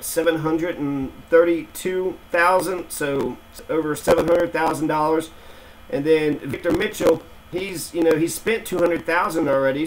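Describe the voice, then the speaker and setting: Man on a fuzzy, distorted recording. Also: on the high side. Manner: thinking aloud, loose and profane. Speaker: screencast presenter. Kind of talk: casual screen-recorded walkthrough. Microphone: computer screen-recorder mic. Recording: distorted mic with faint fan hum.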